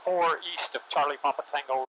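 A man's voice: fairly high pitch, steady tone, a little fast, a bit bright, no echo, low-quality recording. An older man piloting a small plane, making radio calls and chatting through an aviation headset intercom. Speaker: private pilot. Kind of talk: radio calls and cockpit chat. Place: inside a small propeller plane. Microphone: aviation headset boom mic.

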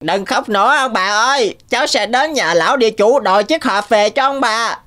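A woman's voice: fairly high pitch, moderate pace, fairly bright tone, lightly acted. A woman voicing a brave little male rooster in a cartoon, speaking boldly and scolding. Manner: bold, scolding.

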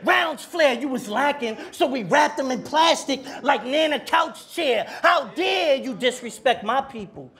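This thirties-aged battle rapper has an extremely high pitch, vocal fry, and lively intonation, delivering slightly slowly with almost no pauses. Rapping a cappella on a club stage to a live crowd, he taunts his rival aggressively, repeating and shouting lines full of Spanish slang.

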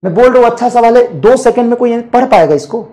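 A man's voice: very high voice, quick pace, mellow. A man teaching physics in an online lecture, bluntly scolding his students.

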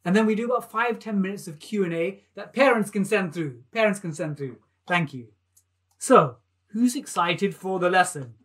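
A man, hosting a live maths lesson for young children, enthusiastic and animated as he coaxes them to join in. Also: high voice, normal speed.

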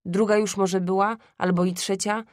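Female audiobook narrator, mid pitch, dry close mic, measured storytelling. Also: flat delivery, no room sound. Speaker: audiobook reader. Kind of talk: scripted literary narration.

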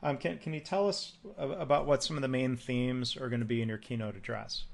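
A man's voice: mid-range voice, fairly even intonation, fairly quick, gravelly. A man hosting a podcast, asking questions with frequent stammered restarts and repeated words. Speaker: podcast host.

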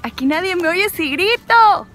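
A high-pitched woman with a Mexican accent chats away in a loose, joking vlog while she walks through a park. She rambles and talks to herself as much as to her viewers, holding the camera as she goes. Clear background music plays under her voice. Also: lively intonation, moderate pace, pushed and bright. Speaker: vlogger. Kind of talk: casual chatty vlog while walking. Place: outdoor city park.

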